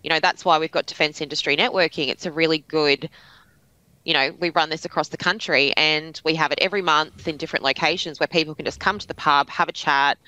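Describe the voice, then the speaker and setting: This is an Australian woman chatting as a podcast guest, her voice bright and forceful. She talks in quick, candid runs with a lot of energy. The sound is dry and close. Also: low voice, dry recording, rough recording. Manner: energetic, fast-flowing and candid. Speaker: podcast guest, veterans recruiter. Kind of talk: casual podcast chat.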